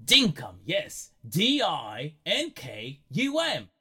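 Cartoonish Tasmanian devil, played by a performer, bright and excitable, improvised comedy. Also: medium pitch, slow, husky, full character voice. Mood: explaining. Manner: laughs easily, animated and playful. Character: cheerful Tasmanian devil with Australian slang.

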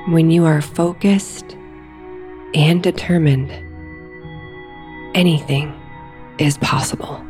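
A woman guiding a meditation and affirmations in a soothing, hushed sleep story narrator manner, with new-age music behind her. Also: sits low, fairly even intonation, slow, pauses often. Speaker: meditation guide. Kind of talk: slow guided meditation and affirmations. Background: new-age music with singing bowls.

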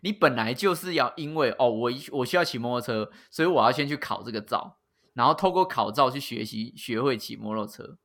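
A man's voice: mid-range voice, lively intonation, a little fast, fairly bright tone. A man with a Taiwanese accent chatting casually as a host, with a teasing, sarcastic manner and crude slang. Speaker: podcast host. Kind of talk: casual chat.

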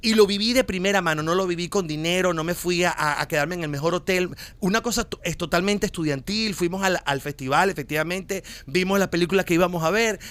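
A man, a comedian guest telling stories in casual chat, animated and laughing often. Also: high voice, quick pace, few pauses.

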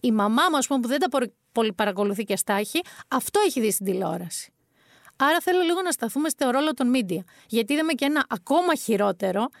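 A woman's voice: fairly high pitch, expressive, creaky, dry recording, clean studio sound. A woman commenting on politics in a vlog, sarcastic and emphatic, often repeating words for effect.

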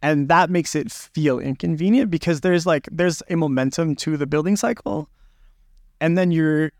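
A man's voice: a little high, moderate pace, a little mellow, dry recording, clean studio sound. A man who is a podcast guest, talking over research practice in a reflective, loose way with many fillers and restarts. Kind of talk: casual podcast conversation.

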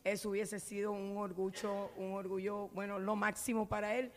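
A woman's voice: mid-range voice, normal speed. A woman tells her story as a radio guest. She slips into the voices of the people she quotes. The studio has a long reverb tail behind her. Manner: animated storyteller, acts out quoted dialogue. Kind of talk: casual radio interview storytelling.

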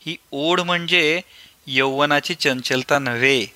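A man's voice: a little high, no echo, heavily acted. A man doing a teasing old grandfather. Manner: slow, gently teasing, fatherly.

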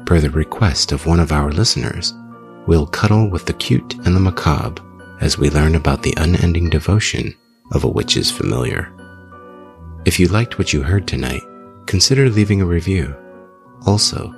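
A man with an extremely deep, gravelly voice narrates a scripted horror tale in a measured, ominous way. He hosts the show, and music plays under his voice. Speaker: horror story podcast host and narrator.

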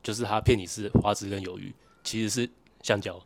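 A man's voice: fairly low pitch, fairly even intonation, a little fast, creaky, background noise. A young man from Taiwan with a Taiwanese Mandarin accent, chatting casually as a podcast co-host in a wry, jokey, complaining way. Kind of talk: casual chat.

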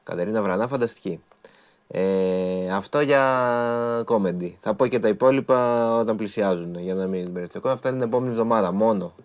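A young man with a deeper voice chats casually as co-host, teasing his partner. He talks easily and laughs often. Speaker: co-host presenting event picks. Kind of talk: casual studio chat.

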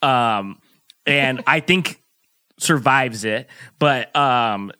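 A man's voice: medium pitch, extremely slow, bright, forceful tone, clear, resonant tone, no room sound, clean studio sound. A man co-hosting a podcast in casual, rambling chat, full of "like" fillers. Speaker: podcast co-host.

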